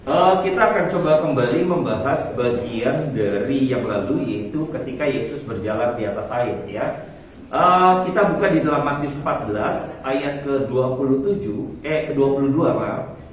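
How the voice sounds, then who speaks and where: A man preaching a sermon and leading a Bible reading, halting, with many fillers and corrections. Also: medium pitch, a little hiss or hum. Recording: echoey hall from far off.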